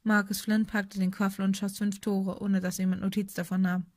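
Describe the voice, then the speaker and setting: A woman narrating an audiobook with steady storytelling. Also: mid-range voice, moderate pace. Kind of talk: scripted narration.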